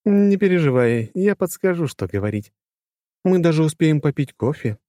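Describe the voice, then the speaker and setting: A man's voice: a little high, big pitch swings, normal speed, warm tone, no room sound, clean studio sound, voice pushed up. A man voicing a playful, reassuring female assistant in an audiobook. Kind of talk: audiobook character voice.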